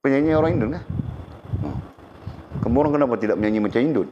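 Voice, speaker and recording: Middle-aged male religious teacher, animated lesson with questions to the audience, muffled lo-fi recording with light noise. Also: mid-range voice, fast. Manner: lively, asks the audience questions. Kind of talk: sermon. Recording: dull lo-fi recording with faint noise.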